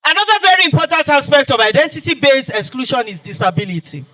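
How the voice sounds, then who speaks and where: A man's voice: very high-pitched, sing-song, quick pace, bright, forceful tone, poor audio. A man with a Nigerian accent giving a formal public lecture, emphatic and fond of repeating his phrases. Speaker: guest lecturer.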